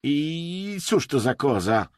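A man's voice: on the high side, sing-song, takes it slowly, no room sound, voice pushed up. A man voicing a whiny, hysterical male traveller with a tearful voice, reading an audiobook. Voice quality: tearful, whining.

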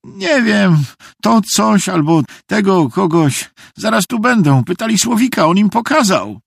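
A man voicing a panicked village boy who stammers and rushes his words in a hoarse whisper. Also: sits high, big pitch swings, dry recording, studio quality, voice pushed up, heavily acted. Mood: urgent, panicked.

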